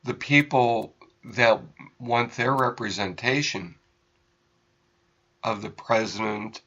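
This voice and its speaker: An American radio host delivers unscripted political commentary in a mid-range voice with a sharp tone. He speaks in halting, deliberate phrases, stressing certain words, and the recording's highs are cut off.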